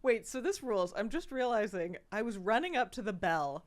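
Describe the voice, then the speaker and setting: Excitable giggly woman playing a tabletop game. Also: medium pitch, moderate pace. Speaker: player. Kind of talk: casual tabletop game play.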